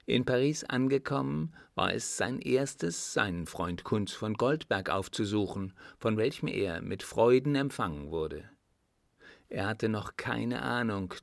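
A man narrating an old novel as an audiobook, measured and even. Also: fairly low pitch, gravelly, no room sound, clean studio sound. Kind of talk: scripted narration of a classic novel.

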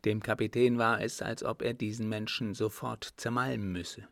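A man narrating a classic novel as an audiobook reader, measured and even. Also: fairly low pitch, creaky, dry recording.

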